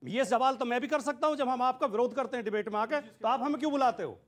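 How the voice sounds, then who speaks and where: A man speaking for his party in a TV debate argues forcefully, hammering home points by repeating them. He has a very high voice and talks fast.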